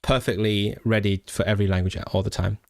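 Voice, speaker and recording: The young Hong Kong language-channel host chats casually on a livestream, working through viewer comments with a mixed British English accent. His lowish voice is gravelly and brisk, and the recording is dry and studio-quality. He's a student and language learner who hesitates, restarts often, leans on fillers, and pokes fun at himself.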